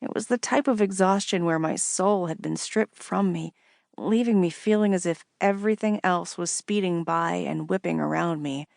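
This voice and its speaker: A woman narrating an audiobook in the first person, measured and wry. Her voice sits low with a gravelly edge. The recording is close and dry. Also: darkish tone, no room sound.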